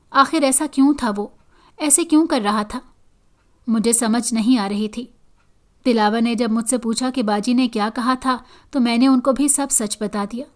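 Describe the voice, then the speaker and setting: Woman narrator for horror audio stories, steady, slightly high pitch. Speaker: storyteller. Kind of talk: scripted first-person horror narration.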